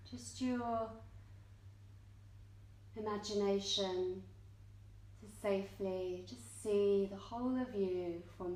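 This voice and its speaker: A yoga nidra teacher, a woman with a medium-pitched voice, guides a meditation in an indoor studio full of echo. Her pace is very slow and her manner gentle, with short, measured phrases and long pauses in between.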